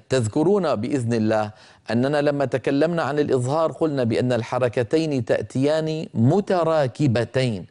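A man's voice: mid-range voice, darkish tone. Patient man teaching recitation rules. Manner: patient, explains slowly, chants example words drawn out. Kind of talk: explanatory lesson with recited examples.

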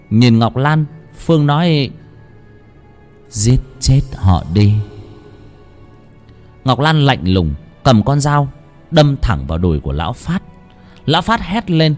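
Expressive male horror storyteller. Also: medium pitch. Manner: dramatic, expressive. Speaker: narrator. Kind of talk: dramatic horror story narration.

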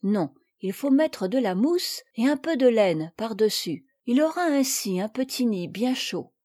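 A woman voicing a calm, kind nursemaid in a storybook reading. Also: fairly high pitch, a little slow.

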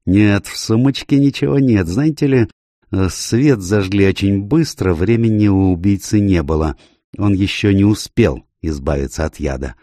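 A man voicing an older Belgian detective who speaks slowly and gravely, slipping in French words. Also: fairly low pitch, dark tone, no echo, clean studio sound, voice pushed up, natural voice. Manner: slow, measured, drops French words. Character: older Belgian male detective, calm and stern.

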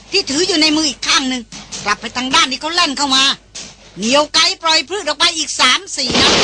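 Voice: high voice, bright, forceful tone. An audiobook narrator reading an action novel aloud in a vivid, dramatic storytelling manner.

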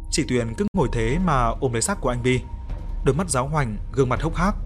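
A man reads a horror story aloud in a steady, dramatic storytelling voice. His pitch sits in an ordinary middle range, with faint music playing softly underneath. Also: fast. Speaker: audiobook narrator. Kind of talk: scripted horror story narration.

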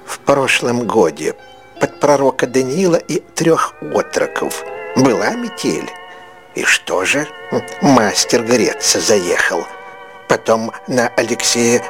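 A man's voice: mid-range voice, animated, unhurried, soft background music. A man voicing an irritable, superstitious village church deacon who grumbles and accuses his wife in a whining tone. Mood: accusing.

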